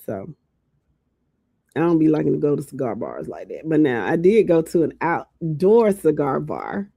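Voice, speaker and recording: A woman's voice: low voice, very animated, moderate pace, gravelly, warm tone, breathy edge, no room sound, clean studio sound. Laughing, chatty woman podcast co-host. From Georgia, US. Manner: laughs often, teasing and chatty. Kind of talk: casual podcast chat.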